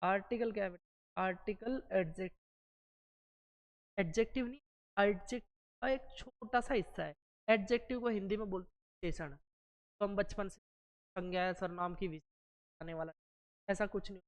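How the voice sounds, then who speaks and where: A woman's voice: medium pitch, normal speed, long pauses. A woman teacher giving a classroom lecture to exam students, posing rhetorical questions and answering them herself. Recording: reverberant room, dull lo-fi sound.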